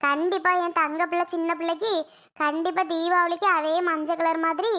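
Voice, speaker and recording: A woman's voice: extremely high pitch, level tone, moderate pace, pushed and bright. Woman voicing a kind soothing aunt. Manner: soothing, coaxing, motherly. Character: kind middle-aged aunt, soothing and patient. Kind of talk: cartoon voice acting.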